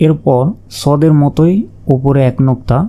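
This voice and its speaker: A man teaching Quran reading, slowly naming and repeating each Arabic letter and explaining how to pronounce it. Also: on the high side, steady tone, dull audio. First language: Bengali. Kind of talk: slow letter-by-letter pronunciation lesson.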